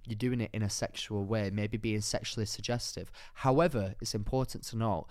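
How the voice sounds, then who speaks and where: Podcast co-host, man, camp and jokey, slightly low voice, dry studio mic. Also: fairly even intonation, brisk, a little mellow, no room sound. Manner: playful, camp, jokey asides. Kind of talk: casual comedic chat.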